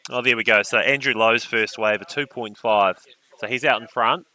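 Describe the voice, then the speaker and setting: A man's voice: mid-range voice, fairly even intonation, moderate pace, bright, forceful tone, low-quality recording. A man commentating a surf contest on a live stream, with laid-back, joking banter.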